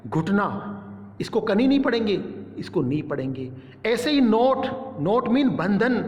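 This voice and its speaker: High-voiced male teacher in an echoey room. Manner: explains step by step, spells letters aloud and repeats words. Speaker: English teacher. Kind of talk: classroom-style lesson. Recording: echoey room with long reverb.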